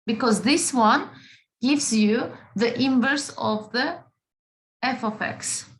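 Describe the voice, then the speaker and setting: A woman's voice: a little high, slow, low-quality recording. A woman teaching a math class, patient, often checking in with the students. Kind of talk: classroom lesson.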